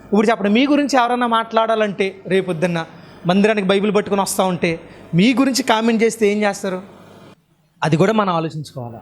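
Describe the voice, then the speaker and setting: A man's voice: high-pitched, fast talker. A male preacher giving a sermon to a congregation in a church, firing repeated rhetorical questions and urging the listeners to answer aloud. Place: church hall.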